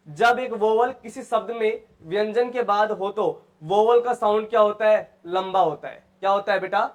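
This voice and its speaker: A man's voice: high-pitched, highs cut off. A man teaching English pronunciation in who keeps asking his students questions and repeating each answer. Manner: asks and repeats questions, calls students "beta". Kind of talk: classroom lesson.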